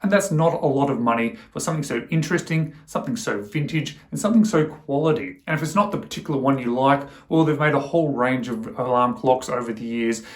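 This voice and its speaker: Chatty man reviewing a clock. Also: mid-range voice. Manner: chatty, enthusiastic, conversational. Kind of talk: casual product review.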